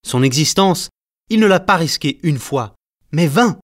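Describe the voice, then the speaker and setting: A man's voice: a little high, animated, measured pace. An actor playing Marius, an earnest, passionate young man in an audiobook drama. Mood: fervent. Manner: earnest, emotional.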